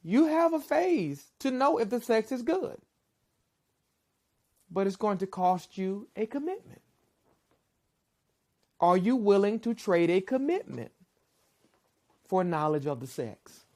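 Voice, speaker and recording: A woman giving measured, persuasive relationship advice in a documentary interview. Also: medium pitch, very animated, dark tone. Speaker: relationship speaker.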